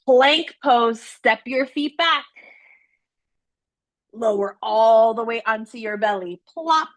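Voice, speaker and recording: A woman leads children through yoga poses at an unhurried pace, her voice slightly high and kind. She talks in playful, encouraging cues. The sound is close and dry, with no room around it. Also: fairly even intonation, no room sound. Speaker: yoga instructor. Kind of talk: guided kids' yoga instruction.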